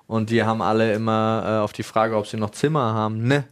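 A man's voice: on the low side, fairly even intonation, fairly quick, smooth. A man co-hosting a podcast in casual group chat, joking, laughing often and telling anecdotes. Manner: storytelling anecdotes. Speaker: podcast co-host.

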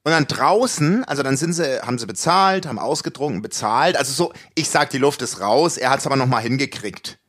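A man's voice: medium pitch, lively intonation, brisk, few pauses, a bit bright. A man telling a long restaurant story in casual chat, full of restarts and slang. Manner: rambling anecdote with many restarts and colloquial slang.

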